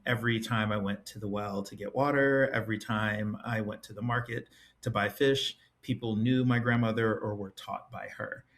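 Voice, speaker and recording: A middle-aged man from Liberia, an educator and author, speaking as a podcast guest in a thoughtful, measured way with frequent ums. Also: fairly low pitch, a bit bright. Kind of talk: reflective interview talk.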